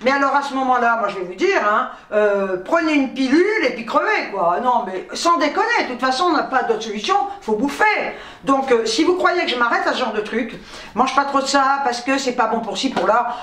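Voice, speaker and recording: A woman's voice: sits high, animated, fairly quick, fairly bright tone, recorded from a distance. A woman chatting bluntly through her grocery haul, swearing freely and laughing at herself. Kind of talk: casual grocery haul chat. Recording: roomy echo, speaking from away from the mic.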